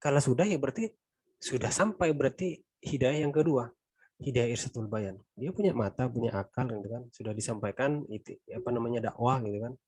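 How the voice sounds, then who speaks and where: A middle-aged man with an Indonesian accent gives a conversational Quran exegesis lesson. His voice is mellow and a little husky, recorded dry and close. He keeps tagging his points and lets line endings fall away quietly. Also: mid-range voice, a little fast, dry recording. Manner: conversational, frequent "gitu kan" tags, trailing softly. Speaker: religious teacher.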